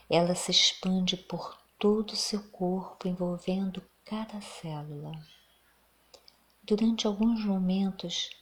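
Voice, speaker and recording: A woman with a Brazilian accent leads a guided meditation in a soft, breathy, near-whispering, soothing voice. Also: on the low side.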